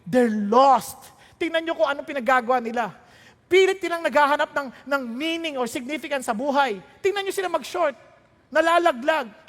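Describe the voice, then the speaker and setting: A man with a Filipino accent preaching a sermon at a church service, animated and joking as he mixes Tagalog with English. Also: very high voice. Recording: echoey hall with long reverb.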